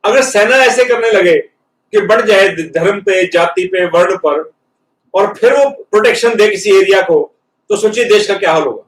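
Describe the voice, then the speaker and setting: Man, professor, earnest motivational talk, high voice, echoey hall, heard from far off. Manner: earnest, slows down to stress key words.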